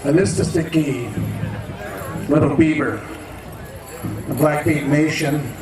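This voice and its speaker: A man's voice: on the high side, takes it slowly. A man making a formal introduction of himself in short phrases. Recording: echoey, distant microphone.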